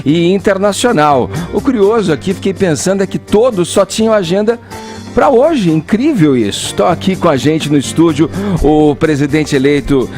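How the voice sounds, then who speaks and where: A man's voice: high voice, expressive, moderate pace, a little mellow, soft background music. A man hosting a radio morning show in a jokey, theatrical announcer manner. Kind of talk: playful radio studio interview. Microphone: studio radio mic.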